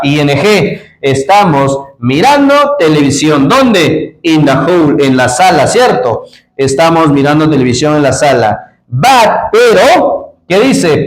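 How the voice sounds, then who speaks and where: A man teaching English grammar, explaining in Spanish and asking his students questions. He spells out endings letter by letter. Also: fairly high pitch. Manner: explains in Spanish, asks the class many questions. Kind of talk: classroom-style grammar lesson. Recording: echoey room.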